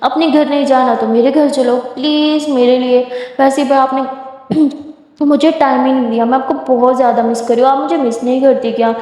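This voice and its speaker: A woman's voice: high-pitched, fairly even intonation, moderate pace, darkish tone, close to an everyday voice. A woman voicing a sweet coaxing girlfriend. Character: sweet playful young woman, loving girlfriend. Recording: echoey room with long reverb.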